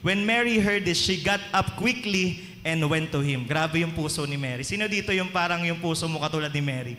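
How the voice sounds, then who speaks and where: A man's voice: on the high side, fairly quick, pushed and bright, slight background noise. A man with a Filipino accent, preaching a sermon and often asking the congregation questions. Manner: mixes Tagalog and English, asks the congregation questions. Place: church hall. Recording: echoey hall with long reverb.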